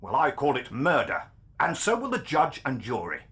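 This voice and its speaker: An actor playing a stubborn, officious police inspector, blunt and pompous. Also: male voice, medium pitch, wildly swooping pitch, normal speed, a bit bright, slightly rough, full character voice. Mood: accusing. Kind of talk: period mystery drama acting.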